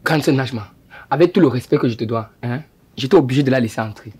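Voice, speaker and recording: A man's voice: medium pitch, quick pace, darkish tone, breathy edge. A man playing a preachy self-styled family head. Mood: lecturing. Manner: preachy, sermonizing, keeps adding "hein?". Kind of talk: web series drama acting.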